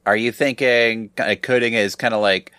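A man's voice: mid-range voice, steady tone, normal speed, sharp tone, clear, resonant tone, dry recording, studio quality. A man co-hosting a casual podcast, asking thoughtful questions. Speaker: podcast co-host. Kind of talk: casual chat.

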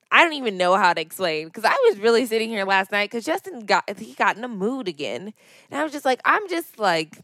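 A young adult woman co-hosting a casual podcast, telling a story in an animated, emphatic and exasperated way. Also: a little high, no room sound, clean studio sound. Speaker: podcast co-host. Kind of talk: casual chat.

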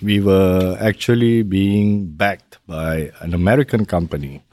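Middle-aged man from Malaysia, very low voice, dry close sound; interview guest who talks in a steady, measured way and checks in with the listener. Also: no echo. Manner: measured, uses fillers like "how you say" and "right?". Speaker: guest, maritime safety executive. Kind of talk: conversational interview.

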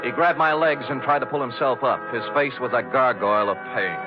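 A man's voice: medium pitch, animated, brisk, natural voice. An actor playing a dry, wisecracking private detective who narrates his own case in an old radio drama. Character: wry hard-boiled male private detective narrating. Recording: dull old radio broadcast with music.

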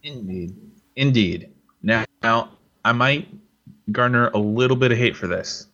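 A man's voice: medium pitch, steady tone, moderate pace, sharp tone, dull audio. A man co-hosting a podcast in casual chat, rambling with restarts and fillers. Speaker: podcast co-host.

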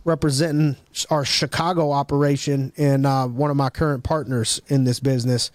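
Hyped podcast host, dry sound. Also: male voice, mid-range voice, level tone, brisk, no room sound. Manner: hyped, rambling, many restarts and slang. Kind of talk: casual interview chat.

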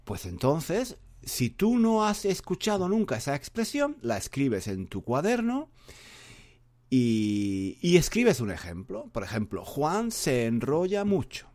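A man's voice: mid-range voice, wildly swooping pitch, measured pace, a little mellow. A man from Spain with a Spanish accent hosting a casual podcast lesson, rambling and repeating phrases, with many fillers and tag questions. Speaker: podcast host and Spanish teacher.

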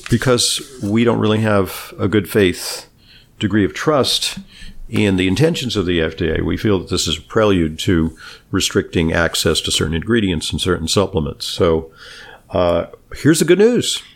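A man hosting a podcast in casual, halting talk, his voice slightly hoarse. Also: low-pitched, lively intonation. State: slightly hoarse after screaming at a game. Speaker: podcast and radio host, doctor. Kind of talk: casual talk show chat.

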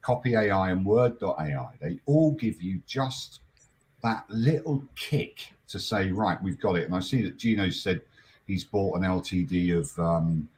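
An English man hosting a casual panel chat, energetic and jokey. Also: deep voice, measured pace. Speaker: host.

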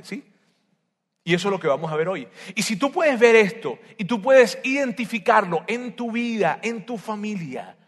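A man preaching a sermon on family life. He talks in an animated way, repeats his phrases, and swings from loud bursts to soft asides. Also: sits high. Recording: long hall reverb.

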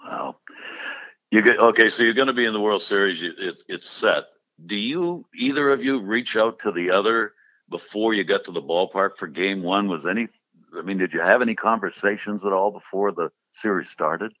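A man's voice: on the low side, a bit bright. A podcast host interviewing two guests, reworking his questions as he asks them. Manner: halting, reworks his questions mid-sentence. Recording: slightly muffled audio.

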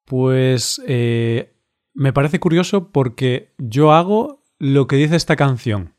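Slow-spoken man co-hosting. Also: medium pitch, expressive, a little mellow. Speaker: podcast co-host. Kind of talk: casual podcast chat.

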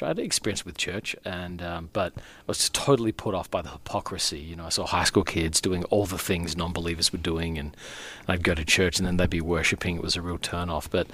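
Deep-voiced Australian man in his forties. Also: fairly even intonation, fairly quick, fairly bright tone. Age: 40s. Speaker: guest pastor. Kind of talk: conversational interview, personal storytelling.

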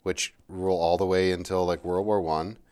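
A man's voice: sits low, flat delivery, normal speed, a little mellow, clear, resonant tone. A man in a casual history chat, rambling and checking in with his partner as he goes.

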